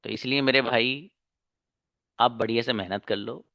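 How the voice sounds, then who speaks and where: A man's voice: mid-range voice, normal speed, vocal fry, sharp tone. A man teaching an online English class, talking earnestly and coaxingly to his students, calling them brother and daughter. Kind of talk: motivational talk to students. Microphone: online class mic.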